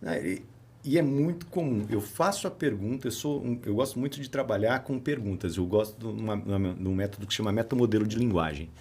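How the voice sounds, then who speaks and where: A man's voice: fairly low pitch, fairly quick. A man with a Brazilian accent hosting a casual podcast chat as a therapist, telling stories and acting out his talks with patients. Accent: Brazilian Portuguese. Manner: animated storyteller, acts out dialogue with patients.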